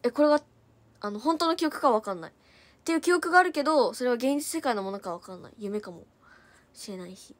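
A young woman idol chatting casually on a livestream, reading out and thanking viewer comments, quick-talking, now and then slipping into a Hiroshima dialect. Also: on the high side, lively intonation, no room sound. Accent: Hiroshima dialect in places.

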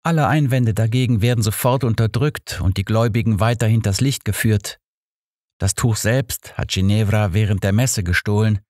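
A man's voice: fairly low pitch, normal speed, darkish tone, no echo, clean studio sound, close to an everyday voice. A man voicing an earnest young male pastor who justifies himself in an audiobook. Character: young male pastor, bitter, defensive confessor.

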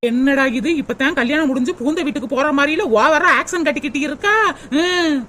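A woman voicing a sharp-tongued, sarcastic young sister-in-law in a cartoon, with a grumbling manner. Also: high voice, fairly quick, a little hiss or hum.

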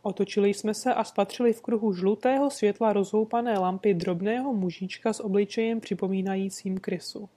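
A woman reading a classic detective story aloud as an audiobook narrator, with steady storytelling narration. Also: mid-range voice, few pauses.

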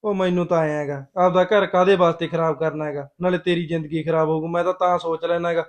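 A man's voice: a little high, steady tone, quick pace, lightly acted. Man playing a placating young husband. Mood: reasoning. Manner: placating, reasoning, patient. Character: easygoing young husband caught between wife and sister-in-law. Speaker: husband, a day laborer. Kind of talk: short-film drama dialogue.

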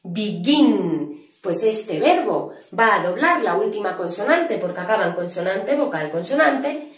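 A woman's voice: medium pitch, big pitch swings, moderate pace, reverberant. A Spanish woman with a Spain accent teaching an English grammar lesson in an upbeat, chatty way, talking straight to her viewers.

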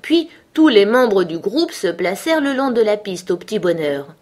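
A woman narrating a children's storybook in an expressive way. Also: medium pitch, moderate pace.

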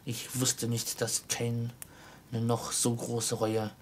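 A man reading the part of a chained ghost of an old miser, speaking in a solemn, slow, mournful way. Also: mid-range voice, monotone, slight background noise, natural voice. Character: ghost of an old male miser, grave, sorrowful, bound in chains.

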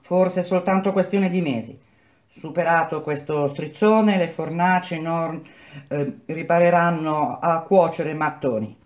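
A woman reading aloud and voicing a middle-aged male contractor who smoothly explains hard news to his workers. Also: sits low, a little slow, darkish tone. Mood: persuasive. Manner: persuasive, explanatory, speaks to workers as a group.

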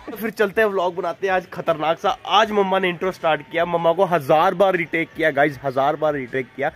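A man's voice: fairly high pitch, fast talker, fairly bright tone. A young man from Jammu, vlogging in a playful, joking way and talking straight to viewers. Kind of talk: casual vlog chat. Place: outdoors in a city.

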